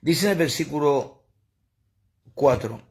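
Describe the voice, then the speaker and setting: Man, preacher, livestream sermon, phone mic, husky, gravelly, lively delivery. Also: a little high, takes it slowly. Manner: preachy, animated, asides to viewers.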